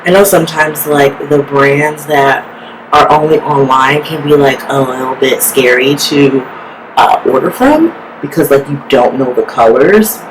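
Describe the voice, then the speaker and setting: Speaking a little slowly in an extremely low voice, this woman is a beauty vlogger walking viewers through a makeup tutorial. She's chatty and casual, leaning heavily on "like" as a filler, while a constant hiss runs underneath.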